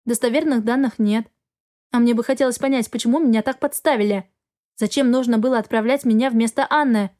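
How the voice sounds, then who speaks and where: A woman voicing a young heroine who is sharp-tongued and exasperated, with sarcastic retorts. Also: a little high, fairly quick, natural voice.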